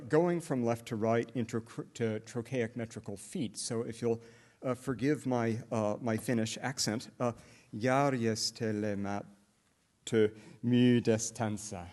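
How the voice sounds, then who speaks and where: A middle-aged linguistics lecturer gives an academic conference talk, walking through examples step by step. He sounds hesitant, with many "uh" fillers and restarts, and his medium-pitched voice has a darkish tone.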